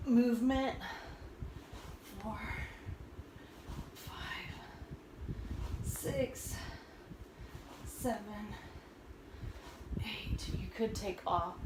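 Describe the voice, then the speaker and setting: Woman, fitness instructor, unhurried, informal, thinking aloud, distant mic, clear background noise. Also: mid-range voice. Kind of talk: casual workout instruction and rep counting. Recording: roomy, far from mic, noisy.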